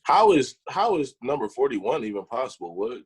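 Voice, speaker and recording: A man's voice: medium pitch, sing-song, normal speed, breathy edge, rough recording. A man co-hosting a podcast, chatting casually, laughing and cursing while he reads tongue twisters aloud. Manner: laid-back, laughing, cursing. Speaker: podcast host.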